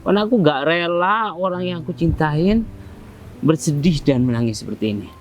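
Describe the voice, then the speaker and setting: A man's voice: on the high side, animated, normal speed, dull audio, soft background music, close to an everyday voice. A man playing a hot-tempered, boastful young suitor in a web drama, tossing out a challenging "hah?" after his lines. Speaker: rival suitor. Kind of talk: low-budget web drama acting.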